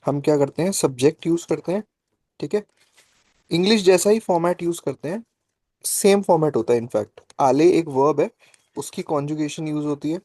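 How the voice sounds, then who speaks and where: A man with a slightly high, warm voice teaches French over a video call in a Hindi-English mix, explaining slowly and patiently. He checks in with students often, saying "ठीक है", and there's no echo.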